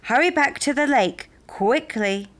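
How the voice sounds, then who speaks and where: A woman's voice: mid-range voice, animated, unhurried, natural voice. Big Bunny Thumpalong, voiced by a woman. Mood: urgent.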